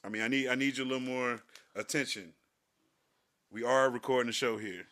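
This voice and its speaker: A man's voice: mid-range voice, steady tone, a little fast, a bit bright. A man co-hosting a podcast in casual chat, laid-back and full of slang. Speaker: podcast co-host.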